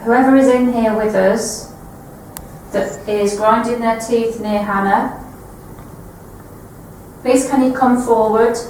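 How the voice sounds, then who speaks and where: A woman's voice: a little high, fairly even intonation, takes it slowly, pauses often, darkish tone, slight background noise. Echoey, distant woman calling out to spirits. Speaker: ghost hunting team member. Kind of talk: paranormal investigation vigil. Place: indoor old cell. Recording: echoey distant room recording.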